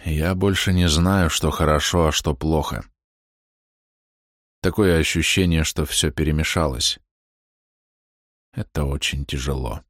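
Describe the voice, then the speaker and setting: A man reading aloud and voicing a desperate, lovesick married man in a slow, heavy, low delivery. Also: dry recording, clean studio sound, lightly acted. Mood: defeated. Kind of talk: audiobook character reading.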